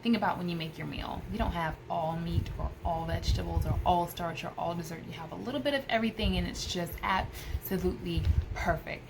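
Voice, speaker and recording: With a fairly low, creaky voice at a slightly fast pace, this American woman in her thirties shares homeschooling tips in a casual vlog to camera. She's enthusiastic and emphatic, repeating phrases, in a small indoor room by a window, and there's background noise.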